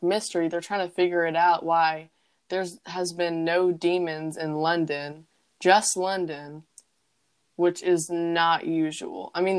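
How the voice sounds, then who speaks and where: A young woman co-hosting a casual book podcast, her voice smooth and clear and set a little low. She rambles along with plenty of fillers. The sound is dry and close. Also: no echo. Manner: chatty, rambling, with frequent fillers. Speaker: podcast co-host.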